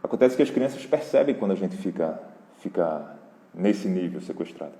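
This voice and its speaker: A man with a Brazilian accent, hosting a live parenting Q&A in a relaxed, conversational way and talking straight to his viewers. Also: sits low, moderate pace. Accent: Brazilian Portuguese. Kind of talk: casual live Q&A talk. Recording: roomy hall echo.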